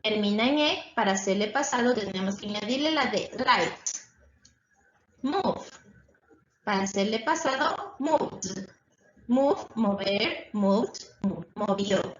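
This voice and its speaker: Slow-explaining woman teacher, echoey lo-fi. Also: medium pitch, a little hiss or hum. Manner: slow, repetitive explaining with check-in questions. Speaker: English teacher. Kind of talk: recorded distance-school lesson. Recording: echoey, dull lo-fi room recording.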